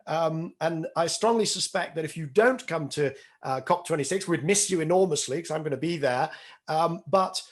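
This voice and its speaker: A male podcast host speaks in a slightly higher-than-usual voice, steering the conversation and closing the show. His talk is loose and conversational, dotted with ums and uhs as he gathers his thoughts. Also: moderate pace. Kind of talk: interview and show outro.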